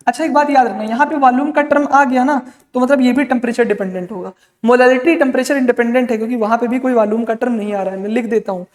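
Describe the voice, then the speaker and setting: A male chemistry teacher giving an exam-prep lecture. He asks questions and answers them himself, calls the students "beta", and mixes English terms into his talk. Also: extremely high pitch. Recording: long reverb, echoey room.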